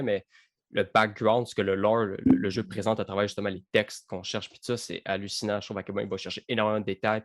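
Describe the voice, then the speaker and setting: A Québécois man hosts a relaxed podcast chat about a video game, tripping over and repeating words as he begins his thoughts. His voice is lowish and recorded dry, right on the mic. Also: dry recording. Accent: Québécois French. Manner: repeats words when starting sentences. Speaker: podcast host. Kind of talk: casual game review chat.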